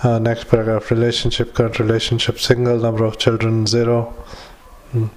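A man with a mid-pitched, very flat voice dictates clinical notes. He speaks as a doctor would into a recorder, haltingly and matter-of-factly, with many hesitant pauses between short phrases. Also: poor audio. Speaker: doctor dictating a psychiatric evaluation. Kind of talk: medical dictation with spoken formatting cues.

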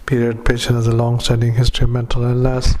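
A man, a doctor, dictating a clinical note into a dictaphone, halting often with fillers and spelling out words. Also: medium pitch, completely flat delivery, background noise. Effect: dictaphone recording. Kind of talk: medical dictation.

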